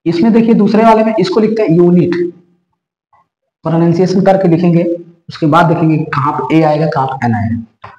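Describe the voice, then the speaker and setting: A man's voice: fairly high pitch, brisk, darkish tone, reverberant, lo-fi sound. A man teaching an English grammar lesson, repeating points and checking in with the listeners often.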